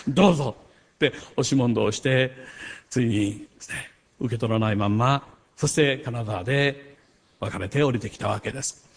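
A man preaching a sermon as a pastor, earnest, swelling louder on key points and dropping softer when telling a personal story. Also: medium pitch, creaky, breathy edge.

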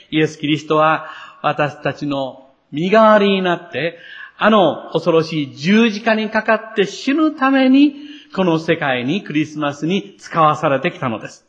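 Expressive male pastor preaching. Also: sits high, muffled recording. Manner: earnest, expressive preaching with rising emphasis. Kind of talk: sermon.

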